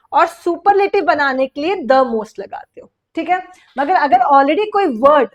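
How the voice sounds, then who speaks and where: A woman teaching an exam-prep English grammar lesson who explains step by step, slows down for example sentences and keeps checking in with her class. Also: high-pitched.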